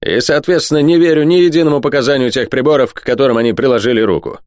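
A man's voice: medium pitch, very fast, a little mellow, no room sound, pitched above the performer's own voice, lightly acted. A man voicing a hot-tempered young earl who snarls and spits scorn in an audiobook. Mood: scornful.

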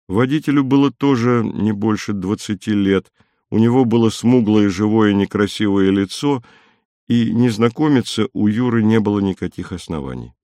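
A man narrating an audiobook at a steady, measured pace. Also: lowish voice, dry recording, studio quality. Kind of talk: audiobook reading.

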